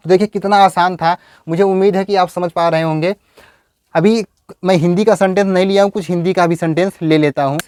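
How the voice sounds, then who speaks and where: A man teaching English in a video lecture, explaining step by step and saying example sentences slowly. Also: sits high, fairly even intonation, darkish tone, smooth, no room sound, clean studio sound.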